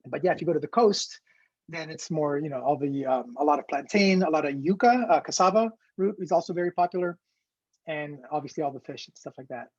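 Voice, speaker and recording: Here a man from an Ecuadorian upbringing teaches an online cooking class by video call, rambling casually with lots of fillers. His pitch is fairly high and he talks a little fast. The recording is dry, with dull, lo-fi call sound.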